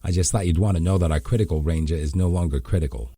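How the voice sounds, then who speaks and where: Narrator doing a gruff old army sergeant major, blunt, low and dark, husky. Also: male voice, fast talker, dry recording, clean studio sound. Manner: blunt, grudging.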